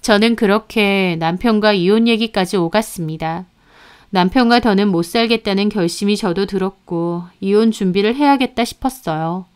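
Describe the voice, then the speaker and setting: A woman narrating a first-person story in a calm, even way. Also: mid-range voice, moderate pace, smooth.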